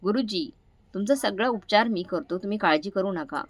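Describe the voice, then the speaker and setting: A woman's voice: mid-range voice, expressive, normal speed, dry recording, close to an everyday voice. A woman voicing a polite, kind middle-aged man who speaks humbly and reassuringly in a story.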